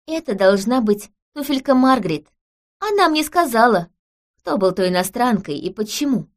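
A woman voicing a calm, serious young girl. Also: on the high side, moderate pace, voice pushed up. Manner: calm, matter-of-fact, serious. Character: earnest young woman, calm and plain-spoken. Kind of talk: audiobook character reading.

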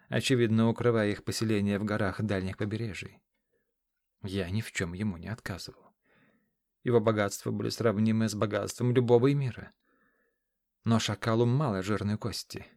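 Solemn exiled king in an audiobook, read by a man; low, measured, grave. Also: dry recording, clean studio sound, close to an everyday voice.

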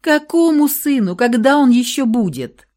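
Audiobook: a shrill, hot-tempered young heroine, read by a woman, high, swinging, loud delivery. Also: animated, moderate pace. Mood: desperate. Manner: shrill, outbursts of hysterics. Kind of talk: audiobook role reading.

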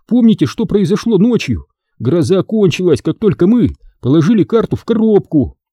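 A man voicing a determined, excitable young boy who shouts his plans in a storybook reading. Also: high-pitched, normal speed, breathy edge, dry recording, voice pushed up, exaggerated voice. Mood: eager. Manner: shouting, eager.

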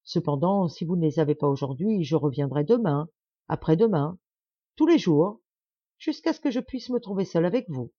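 A woman's voice: low-pitched, expressive, moderate pace, mellow, slightly rough, no room sound, lo-fi sound. A woman reading the part of a dignified middle-aged baron who speaks with urgency and pleads. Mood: urgent.

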